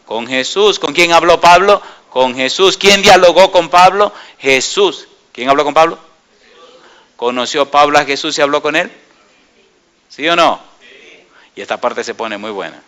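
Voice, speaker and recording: A man preaching a sermon, emphatic, putting repeated questions to his congregation and swinging from soft murmurs to raised exclamations. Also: a little high, animated, measured pace.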